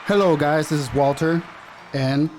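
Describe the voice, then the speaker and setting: A man's voice: a little high, measured pace, a little mellow, slight background noise. Laid-back podcast guy from El Salvador. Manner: laid-back, chatty, teasing. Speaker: podcast co-host. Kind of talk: casual sports chat.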